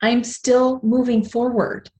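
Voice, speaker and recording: A woman co-hosting a podcast in a casual chat. She is an animated storyteller who laughs often and slips into playful voices. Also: on the high side, slow, poor audio. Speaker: podcast co-host.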